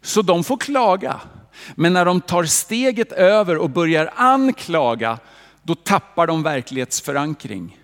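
Man, preacher, sermon, fairly high voice, rhetorical questions, long church reverb. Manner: lively, rhetorical questions and direct address to the congregation. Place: church hall.

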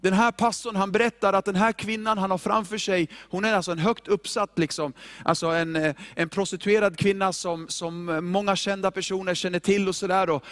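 Animated high-voiced male preacher. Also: hardly any pauses. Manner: animated, informal, repetitive and emphatic. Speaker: pastor. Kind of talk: sermon.

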